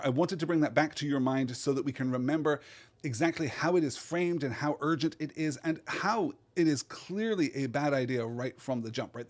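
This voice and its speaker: A man hosting a live literary podcast, talking thoughtfully with frequent stammered restarts. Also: mid-range voice. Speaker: podcast host.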